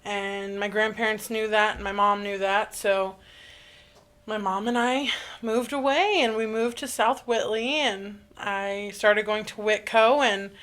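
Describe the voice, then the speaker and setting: A woman in her twenties from Indiana, co-hosting a podcast in casual chat, candid and quick when excited. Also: medium pitch. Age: 20s. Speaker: podcast co-host.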